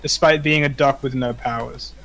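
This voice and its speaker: A man's voice: medium pitch, fairly even intonation, normal speed, vocal fry, a bit bright. A man streaming live, chatting loosely about his drawing ideas, with frequent chuckles. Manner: rambling and chuckling, often reading aloud. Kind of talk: casual chat on a live stream.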